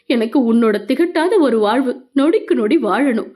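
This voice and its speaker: A woman's voice: on the high side, lively intonation, normal speed, darkish tone, natural voice. A woman voicing a tearful devoted young man. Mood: tearful pleading. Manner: tearful, pleading.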